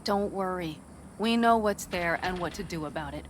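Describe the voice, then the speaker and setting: Game role: actress as tough, loyal nomad woman, lowish voice, matter-of-fact, faint engine ambience. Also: moderate pace, a little hiss or hum, natural voice. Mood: assured. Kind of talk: video game dialogue.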